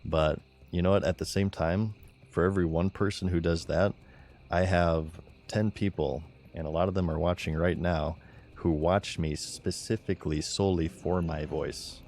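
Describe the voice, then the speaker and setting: Monotone, deep-voiced man, low-key streamer. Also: moderate pace. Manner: low-energy, unforced delivery. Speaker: game live streamer. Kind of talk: casual chat while gaming.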